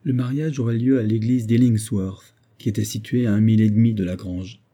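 A man reading a classic novel aloud in measured, steady audiobook narration. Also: on the low side. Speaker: audiobook reader.

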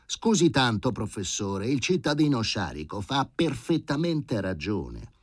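A man's voice: mid-range voice, very animated, a little slow, slightly rough, no echo, studio quality, pitched above the performer's own voice. A man putting on a smug, pedantic bureaucrat. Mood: sanctimonious. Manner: insistent, bureaucratic and sanctimonious. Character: pedantic, smug male housing-committee official. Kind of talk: audiobook reading.

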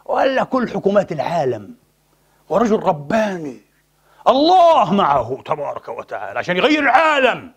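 A man's voice: high-pitched, huge pitch swings, normal speed, husky. A man preaching a sermon with passion, firing off rhetorical questions at his listeners.

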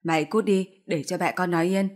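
A woman's voice: on the low side, steady tone, moderate pace, natural voice. A woman voicing a fierce older mother-in-law who scolds harshly in a storybook reading. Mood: furious scolding.

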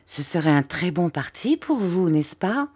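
A fragile young mother in an audiobook scene, as a woman reader puts her on. She speaks softly and tenderly, with a worried undertone. Her voice is low and mellow. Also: sing-song, a little slow, slightly rough, heavily acted.

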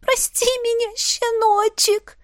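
A woman voicing a tearful, excitable young lady in love who pleads in a shrill voice. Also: slow pace, no echo, studio quality. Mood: pleading.

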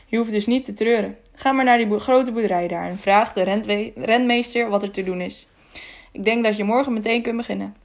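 A woman's voice: fairly high pitch, a little fast, lightly acted. A woman voicing a stern middle-aged toll guard who lectures in an officious, indignant manner.

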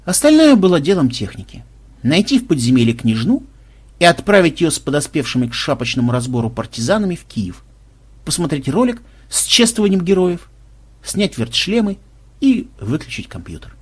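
A man narrating an audiobook in a lively, expressive reading. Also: a little high, breathy edge. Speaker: audiobook reader.

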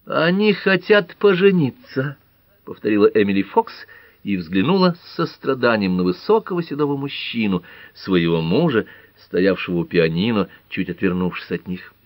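Low-voiced guy reading a detective audiobook, very expressive, dry close sound. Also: normal speed, no echo. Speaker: audiobook narrator. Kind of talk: scripted narration.

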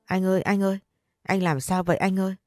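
Woman reading out a panicky young wife, dry close voice with soft music under it. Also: medium pitch, fairly even intonation, fast talker, dry recording, natural voice. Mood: desperate. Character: young wife, frightened and pleading.

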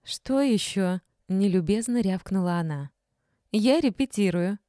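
A woman reading an audiobook, voicing a shrill, rude young actress who yells and screeches. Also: very animated, normal speed, no room sound, clean studio sound, natural voice. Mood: snapping. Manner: screeching, yelling. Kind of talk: audiobook character voice.

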